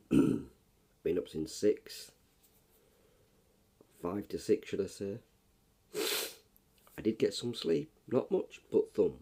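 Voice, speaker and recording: A middle-aged man, hoarse and coughing after just waking up, giving a rambling, blunt, swearing early-morning rant. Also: lowish voice, lively intonation, takes it slowly, pauses often, mellow. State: hoarse, coughing, frog in throat. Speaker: YouTuber.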